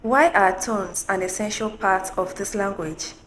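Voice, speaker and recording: In an online language lesson, a woman teaches Mandarin slowly and deliberately, asking the viewer questions and singing out tone examples at a higher pitch. The recording has a roomy echo and faint background noise.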